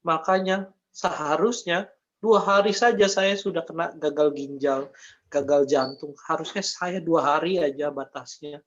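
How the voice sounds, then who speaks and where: Man, high voice, earnest faith testimony, dull lo-fi sound. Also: measured pace. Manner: earnest, repeats phrases, addresses listeners as brother and sis. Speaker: guest giving a testimony.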